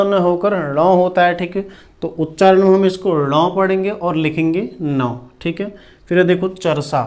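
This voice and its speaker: Male shorthand tutor, raised pitch, patient, repeats each word. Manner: repeats each word slowly, checks in with "ठीक है". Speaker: shorthand teacher. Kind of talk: classroom lesson.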